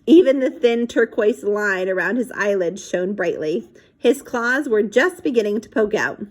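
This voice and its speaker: Reading a kids' book with lots of expression, this woman performs the characters' lines and sound effects in a mid-range voice at a moderate pace. In between sections she talks casually to the young audience.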